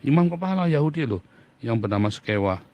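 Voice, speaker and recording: A man's voice: mid-range voice, expressive, brisk, highs cut off. A middle-aged man preaching a Bible lesson, reading scripture aloud and firing rhetorical questions with mocking imitations. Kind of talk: sermon-style Bible teaching.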